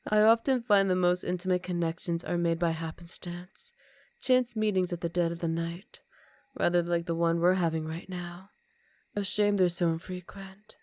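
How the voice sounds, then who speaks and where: An ageless, aristocratic vampire countess, acted by a woman purrs in a lowish voice for an ASMR roleplay. Her phrasing is formal and dramatic, slipping toward whispers, seductive and condescending with a predatory edge. The sound is intimate and dry, free of room echo. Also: steady tone, normal speed, a little mellow, natural voice. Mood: quietly menacing.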